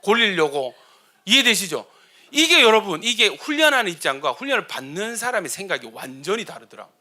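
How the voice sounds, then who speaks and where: A man's voice: sits high, fairly quick. A man preaching a sermon as pastor, telling funny stories and asking the congregation questions. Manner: animated, asks the congregation questions; humorous storytelling.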